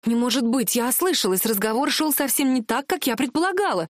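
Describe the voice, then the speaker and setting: A woman's voice: fairly high pitch, lively intonation, brisk, no echo, clean studio sound. A woman voicing a proud young royal heiress who is sarcastic and indignant, for an audiobook. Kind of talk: audiobook character voice.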